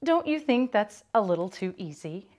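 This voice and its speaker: A woman's voice: mid-range voice, big pitch swings, normal speed, a little mellow, close to an everyday voice. A woman doing a patient, hopeful teacher. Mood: encouraging.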